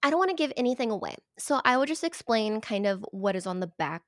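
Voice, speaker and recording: Animated, emphatic woman reviewing books. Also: on the high side, quick pace, no echo, clean studio sound. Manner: animated and emphatic, dips into whispers. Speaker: book reviewer. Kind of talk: casual chat.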